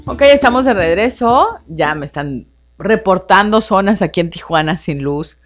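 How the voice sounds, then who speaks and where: A woman's voice: medium pitch, normal speed, soft background music. A woman hosting a live radio show on personal growth, coaching listeners with a string of rhetorical questions. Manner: animated coaching tone, rhetorical questions, frequent "entonces" and "no?". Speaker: radio host.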